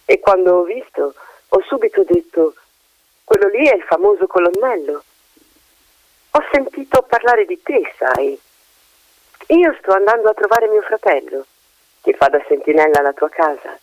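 A talkative, insinuating female magpie voiced by a man in a storybook reading. The voice sits high and swoops about. The recording is dull and lo-fi and dry. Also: expressive, normal speed, pauses often, no echo. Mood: chatty. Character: chatty female magpie, gossipy and ominous.

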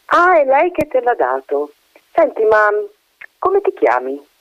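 A man's voice: high-pitched, big pitch swings, a little slow, no echo, pitched above the performer's own voice. A man voicing a stern woman of about fifty, a charity patroness, in a falsely sweet and prying tone. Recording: dull dry recording.

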